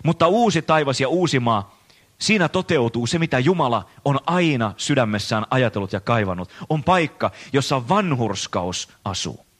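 A man preaching a sermon in an earnest, measured way, slowing down to stress key phrases. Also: medium pitch, expressive, a bit bright.

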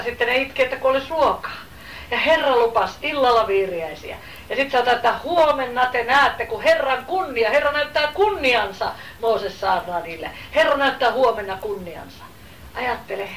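A woman preacher giving an emphatic sermon, swinging between loud exclamations and hushed asides. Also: high voice. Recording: roomy hall, voice from far off, faint noise.

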